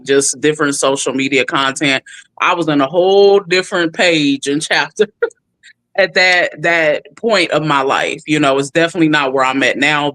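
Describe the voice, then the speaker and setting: A woman's voice: low-pitched, no room sound. A woman in her thirties from California, telling her story candidly in an interview and acting out quotes. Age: 30s. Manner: expressive, animated, acts out quotes. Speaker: guest.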